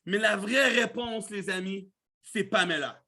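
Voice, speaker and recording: Male live-training host, mixed in, high bright voice, casual motivational delivery. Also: measured pace. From Canada. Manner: animated, repeats himself, mixes in English words.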